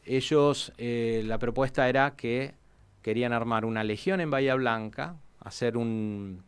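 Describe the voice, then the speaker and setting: A man, a historian guest in a radio interview, telling history in an animated way with many restarts. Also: medium pitch, measured pace, smooth.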